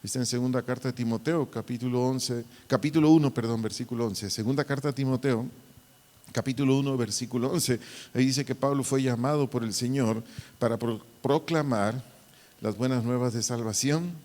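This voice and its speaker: Pastor teaching in a reverberant hall. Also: male voice, mid-range voice, darkish tone. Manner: deliberate, repeats and spells out key words. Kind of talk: Bible teaching to church servers. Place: church hall.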